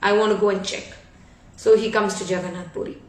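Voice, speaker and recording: Female devotional speaker, conversational storytelling, mid pitch, roomy off-mic sound. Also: steady tone, a little fast, distant mic. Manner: conversational, frequent fillers and restarts. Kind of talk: storytelling talk. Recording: echoey room, voice off-mic.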